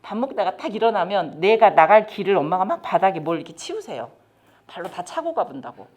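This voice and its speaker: A medium-pitched, fairly quick voice belongs to a middle-aged South Korean woman lecturing caregivers about child development. She stands in a lecture room, lively and direct, throwing questions at her audience.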